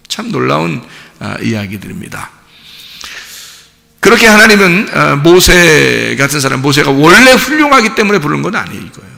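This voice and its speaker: Lively gravelly man preaching. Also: on the high side, in a large hall. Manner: animated, acts out quotes with jokes. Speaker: pastor. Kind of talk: sermon.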